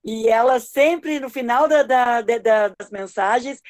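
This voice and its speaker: A woman pastor with a slightly high voice reflects during a devotional group discussion. She hesitates and repeats words as she gathers her thoughts. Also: measured pace, a little mellow.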